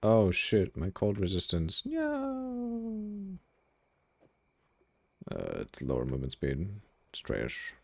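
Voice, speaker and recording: A man streaming a game live, reacting loudly, swearing freely and reading chat messages aloud. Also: low-pitched, lively intonation, moderate pace, gravelly, few pauses, husky, no room sound. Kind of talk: casual live-stream commentary while gaming.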